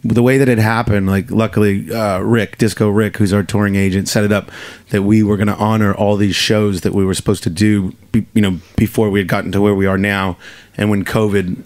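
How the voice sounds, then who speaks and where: Husky, hoarse man rambling in a studio. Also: fairly low pitch, flat delivery, fairly quick, darkish tone. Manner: rambling, full of "like" and restarts. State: hoarse, tired voice after touring. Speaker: guest musician, band frontman. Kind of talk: casual interview chat. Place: radio studio.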